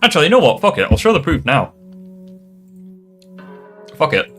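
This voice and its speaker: Bright-toned swearing YouTube commentator. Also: male voice, fairly high pitch, sing-song, normal speed, faint music behind. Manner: irreverent, swears, rambling asides. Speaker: YouTuber responding to critics. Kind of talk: casual commentary.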